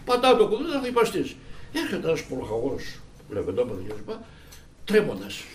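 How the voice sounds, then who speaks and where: An older man, a retired army commander, telling lively stories and acting out his own shouting in them. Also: a little high, a crowd in the background. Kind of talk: animated anecdotal storytelling. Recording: roomy, echoing room.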